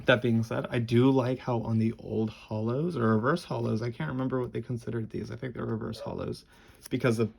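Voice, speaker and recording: A young man with a lisp and a husky, creaky voice, rambling and halting through a casual, sweary show-and-tell. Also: medium pitch, darkish tone. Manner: rambling, halting, enthusiastic wording. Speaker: card collector presenting a collection.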